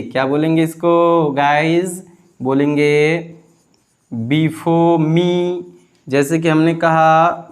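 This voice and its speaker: A man teaching basic English in a video lesson, repeating each example and quizzing the viewer. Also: a little high. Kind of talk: classroom-style video lesson.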